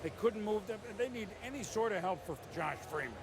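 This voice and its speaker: A man's voice: high voice, expressive, fairly quick. A man hosting a sports broadcast with conversational live draft commentary.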